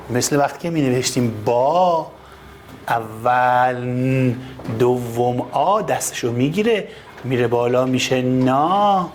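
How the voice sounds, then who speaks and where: A man teaching first graders to read, sounding out letters slowly and repeating each one, with sudden high, lively bursts when he calls out to the children. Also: a little hiss or hum. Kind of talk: children's reading lesson.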